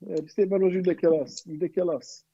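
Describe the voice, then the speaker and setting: A man's voice: high voice, fairly even intonation, fast talker, warm tone, slightly rough, no echo. Emphatic Trinidadian man on a muffled line. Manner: emphatic, laughs often, repeats "right?". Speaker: guest. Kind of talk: call-in talk radio.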